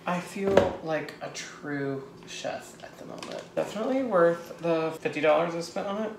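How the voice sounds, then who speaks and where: A man in his twenties chatting casually and excitably to camera as he bakes, giggly and gushing. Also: a little high, moderate pace, vocal fry. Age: 20s. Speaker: host of a home baking vlog. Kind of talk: casual chat to camera while baking. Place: home kitchen. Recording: echoey kitchen, clicks and background noise.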